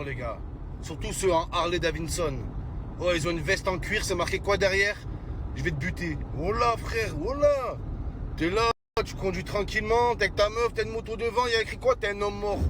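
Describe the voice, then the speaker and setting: Higher-voiced man ranting in French street slang. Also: noisy background. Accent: French urban street. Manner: exclamatory, mock-indignant storytelling. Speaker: comedian telling stories to the camera. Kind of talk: casual comic rant in French street slang.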